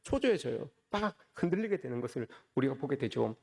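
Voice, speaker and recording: A man's voice: mid-range voice, very animated, a little fast, vocal fry, a little mellow. A man preaching a Sunday sermon as a pastor, often calling out to the congregation with rhetorical questions. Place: church service.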